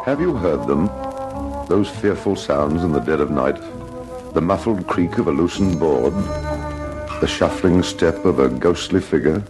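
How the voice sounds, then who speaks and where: An actor narrating supernatural radio tales in a haunting, ominous, dramatic manner. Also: male voice, low voice, lively intonation, measured pace, over music.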